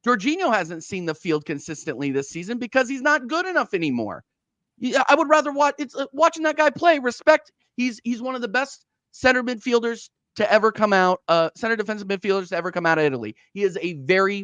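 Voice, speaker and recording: A man's voice: high voice, fairly bright tone, no room sound. A man venting as a guest in a fan debate, blunt and sarcastic about his team. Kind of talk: heated football fan debate.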